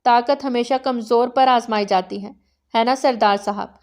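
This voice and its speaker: A woman's voice: fairly high pitch, steady tone, lightly acted. Woman voicing a defiant, bitter young bride. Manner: sharp, defiant.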